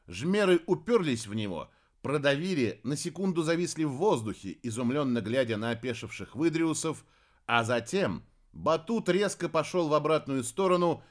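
A man narrating a fantasy audiobook with dramatic, expressive delivery. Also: fairly high pitch. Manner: dramatic, varied intonation.

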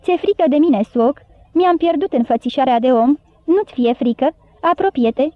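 A woman reading the lines of a dying, beast-like man who speaks hoarsely and with effort, in a dry, narrow, phone-like recording. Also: high voice, lively intonation, no room sound. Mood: weary. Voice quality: hoarse, labored.

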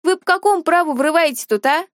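A brash teenage girl sneers and mocks in a high, piercing voice, as a woman reading an audiobook puts her on. The recording is dry and close. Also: fast, dry recording. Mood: sneering. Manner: sneering, mocking.

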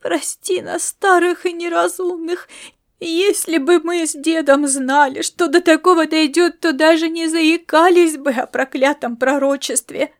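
Woman voicing a shrill furious old grandmother. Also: steady tone, unhurried. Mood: tearful. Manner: shrill scolding, turns to sobbing and whispers. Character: fierce superstitious old grandmother, quick to anger. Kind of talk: audiobook character voice.

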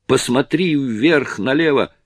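A man's voice: takes it slowly, no room sound, clean studio sound. A man voicing a weak woman castaway who pleads and cries out, in an audiobook. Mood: pleading. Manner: pleading, whispering then shrill.

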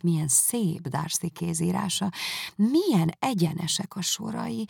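A woman narrating a classic novel aloud in a measured, expressive storytelling manner. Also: low-pitched, vocal fry, dry recording, clean studio sound. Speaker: audiobook narrator.

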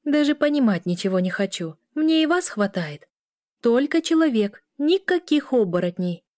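Woman doing a shrill sassy teen sister, always outraged, soft dark tone. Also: sing-song, moderate pace, no room sound, clean studio sound. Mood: indignant. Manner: shrill, indignant teasing. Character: teen girl, cheeky and quick-tempered little sister.

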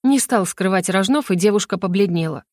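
A woman reading an audiobook in a steady, mid-pitched storytelling voice. The recording is dry and close, with no room around it. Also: brisk, no echo. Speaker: narrator. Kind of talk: audiobook narration.

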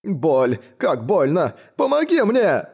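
A man's voice: medium pitch, animated, moderate pace, a little mellow, natural voice. A man voicing a plump, cowardly aristocrat baron in an audiobook, wailing and full of self-pity. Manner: wailing, self-pitying cries of pain. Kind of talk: audiobook reading.

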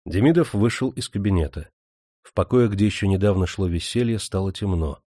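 Low, mellow male audiobook narrator. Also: lively intonation, fairly quick, dry recording, studio quality. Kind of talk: scripted narration.

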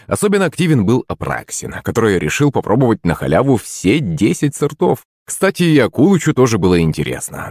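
Low, lively male storyteller. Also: dry recording, clean studio sound. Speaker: narrator. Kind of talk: scripted audiobook narration.

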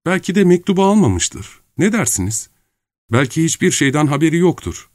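A man's voice: fairly high pitch, big pitch swings, normal speed, a little mellow, no echo, studio quality, voice pushed up. A man reading a novel aloud, voicing a distraught young woman who pleads emotionally in a raised voice. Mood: pleading. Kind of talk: audiobook character reading.

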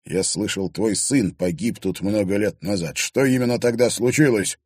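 A man's voice: lowish voice, moderate pace, a little mellow, no echo, natural voice. Pushy young man, blunt and insistent, voiced by a male reader, dry close sound.

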